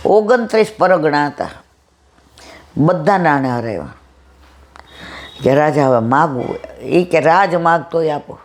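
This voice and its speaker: A mid-pitched speaker delivers a devotional talk built on folk stories. The voice jumps up and down to play the people in each tale. It stretches out each moral in a slow, weighty drawl. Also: animated.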